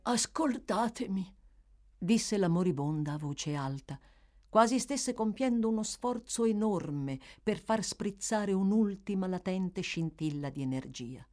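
A woman reading a classic novel aloud as narrator, in a measured, expressive way. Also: lowish voice. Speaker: audiobook narrator.

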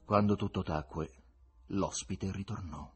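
A man narrating a novel aloud in an expressive, dramatic reading. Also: low-pitched, measured pace, slightly rough, faint music behind. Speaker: audiobook reader. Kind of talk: literary audiobook narration.

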